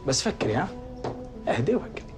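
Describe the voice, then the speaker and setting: An actor playing a coaxing, reassuring boss who calms an upset employee, speaking. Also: male voice, mid-range voice, fast, music in the background, close to an everyday voice. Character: man, soothing boss calming an upset employee. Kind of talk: TV drama acting.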